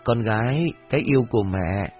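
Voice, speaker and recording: A man's voice: mid-range voice, expressive, moderate pace, natural voice. A man voicing a deranged young mother who coos to an empty blanket, in an eerie sing-song way. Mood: eerie cooing. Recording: dull lo-fi audio with faint music.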